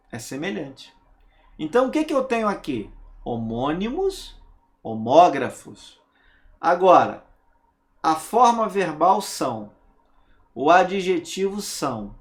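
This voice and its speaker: Slow, lively male teacher. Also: on the high side. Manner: asks rhetorical questions and checks understanding with "tá?"; emphatic, stresses single words. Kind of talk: recorded grammar lesson.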